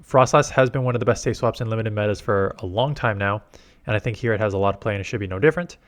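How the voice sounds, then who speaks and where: A man's voice: lowish voice, quick pace. A man from Canada giving casual commentary on game strategy, explaining at length and often correcting himself mid-sentence. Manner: rambling, self-correcting, explanatory. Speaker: gaming YouTuber.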